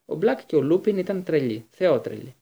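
A man narrating a children's fantasy novel in an expressive reading. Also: on the high side, vocal fry, husky, lo-fi sound. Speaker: audiobook narrator. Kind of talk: scripted narration.

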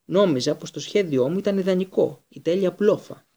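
A man's voice: high-pitched, dark tone, voice pushed up. A man voicing a bitter escaped male prisoner in an audiobook reading, fierce and accusing in delivery. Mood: contemptuous.

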